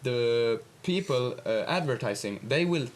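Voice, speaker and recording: A man's voice: mid-range voice, expressive, a little slow. Hesitant young man explaining. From Sweden. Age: teens or young adult. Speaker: panel guest. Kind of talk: casual panel discussion.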